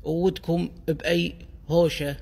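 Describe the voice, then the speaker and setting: Man, Kuwaiti Gulf Arabic accent, higher-pitched with a husky edge, explaining deliberately in a long echo. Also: level tone, darkish tone. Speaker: explainer of dialect words. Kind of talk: explanatory monologue on word origins.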